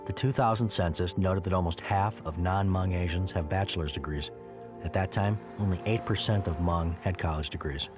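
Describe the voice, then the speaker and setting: A man narrating a documentary in a measured, informative scripted read. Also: low voice.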